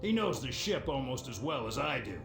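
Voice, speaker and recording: An actor playing a solemn, formal pirate admiral in a video game. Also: male voice, mid-range voice, sing-song, moderate pace, vocal fry, echoey room, music in the background. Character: male pirate admiral, solemnly dictating his last will. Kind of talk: video game voice-over acting.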